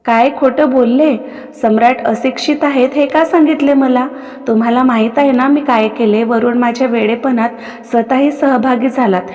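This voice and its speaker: A woman's voice: fairly high pitch, fairly even intonation, moderate pace, darkish tone, close to an everyday voice. A woman voicing a young wife who scolds in a mock-angry, playful way, in a story with a long reverb.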